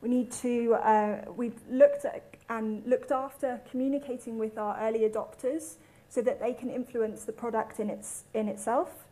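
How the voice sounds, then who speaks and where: A woman's voice: on the high side, fairly even intonation, normal speed, warm tone, rough recording. A woman from the UK, giving a rehearsed conference presentation with brief fillers. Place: conference hall.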